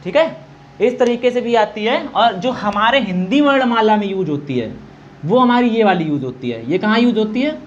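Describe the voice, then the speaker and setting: A man's voice: high voice, expressive, moderate pace. A man teaching an exam-prep grammar lecture, asking and answering his own questions, stretching out vowel sounds and dictating notes. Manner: draws out vowel sounds to demonstrate. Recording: dull lo-fi recording with faint noise.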